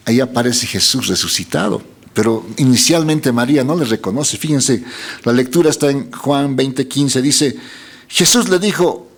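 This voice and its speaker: A man preaching in a church sermon, his pitch rising and falling in wide, lively swings. He reads verses slowly and turns to the congregation with questions. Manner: expressive preaching, reads scripture aloud, asks congregation questions.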